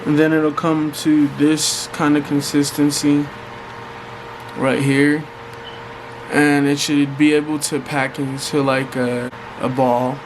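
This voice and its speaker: An American man with a slightly high voice chats informally through a home tutorial, addressing viewers in a relaxed, colloquial way. A fan hums clearly in the background of the recording. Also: slow. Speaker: vlogger giving a fishing bait tutorial. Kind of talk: casual how-to vlog chat. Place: hot room at home with a fan running. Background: fan noise.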